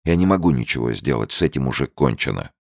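A man's voice: extremely low pitch, animated, fast talker, creaky, no room sound, clean studio sound, heavily acted. A man voicing a frightened young American deserter in an audiobook, in a subdued tone.

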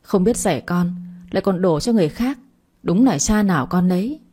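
A woman voicing a quarrelsome older mother-in-law who yells abuse and accusations from the gate, in storytelling narration. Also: fairly low pitch, expressive, brisk, slightly rough. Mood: screeching.

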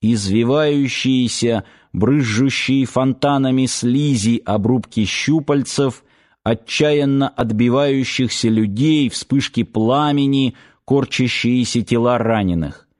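A male audiobook narrator telling a dramatic story in a measured, vivid way. He reads slowly and deliberately. His voice sits in a middle range. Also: mid-range voice, a little mellow.

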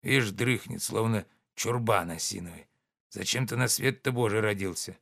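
A man's voice: fairly low pitch, moderate pace, gravelly, fairly bright tone, no room sound, studio quality. Man doing a grumbling old servant. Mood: muttering. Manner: coaxing, nagging, muttering.

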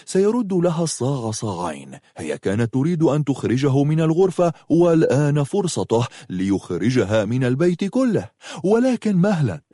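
A man narrating a novel aloud in an expressive, dramatic way. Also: on the low side, breathy edge, no room sound, clean studio sound. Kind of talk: audiobook narration.

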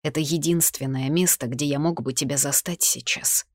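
A woman reading the lines of a calm, caring young male mage in an audiobook, in an even, reassuring tone. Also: fairly high pitch, normal speed, no echo, studio quality, lightly acted. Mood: earnest.

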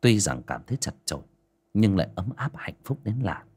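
Breathy male storyteller, lively pitch, dramatic audiobook read. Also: a little fast. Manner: dramatic, building suspense. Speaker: audiobook narrator. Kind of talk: storytelling narration.

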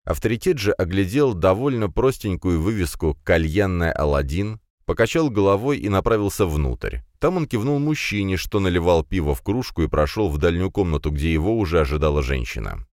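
A man reading an audiobook as narrator in an expressive storytelling manner. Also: low-pitched, brisk, hardly any pauses, no echo, clean studio sound.

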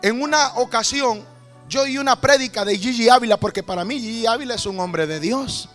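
A man preaching a sermon with fervent, rhythmic delivery that bursts into shouts. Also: extremely high pitch, fairly quick, soft background music.

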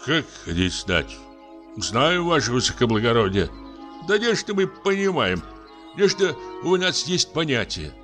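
A man voicing a meek, lame peasant poacher, pleading in a trembling, reedy falsetto. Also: sing-song, a little slow, a bit bright, faint music behind. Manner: humble, rambling, pleading.

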